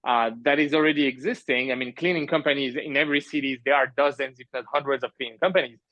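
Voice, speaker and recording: Guest, man, 30s, from France; bright, chatty, rambling with fillers; dry, slightly lo-fi remote line. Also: mid-range voice, fairly even intonation, fast talker, no room sound. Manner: rambling, full of fillers and restarts, laughs often. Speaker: podcast guest. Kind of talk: casual conversational interview. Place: remote call from an island at night.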